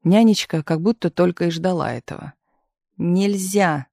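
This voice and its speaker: An audiobook narrator reading a literary novel in a measured, expressive storytelling manner on a close studio mic. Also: mid-range voice, dry recording.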